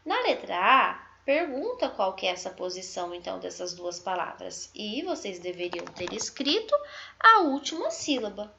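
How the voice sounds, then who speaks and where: A young woman with a Brazilian accent, a primary school teacher, slowly correcting a worksheet and stretching out syllables to show where the stress falls. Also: medium pitch, creaky, pushed and bright. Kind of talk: slow, deliberate lesson correction. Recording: dull lo-fi home recording.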